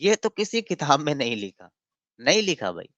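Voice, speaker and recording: A man's voice: on the high side, very animated, normal speed, a bit bright, dry recording, muffled recording. A man hosting a livestream debate, mocking his opponent and reading passages aloud in a lecturing way. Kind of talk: casual livestream debate and commentary.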